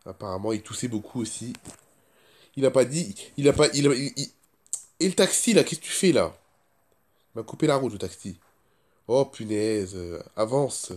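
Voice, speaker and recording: Congested from a cold and a sore throat, this man talks in an expressive, medium-pitched voice at a moderate pace with frequent pauses. His casual first-person vlog chat rambles and repeats itself.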